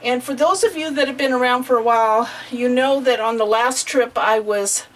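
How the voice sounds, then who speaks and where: A woman's voice: a little high, moderate pace, slight background noise, poor audio. A middle-aged woman casually narrating a vlog as host, recorded inside a small camper trailer. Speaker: host of a sewing and travel vlog.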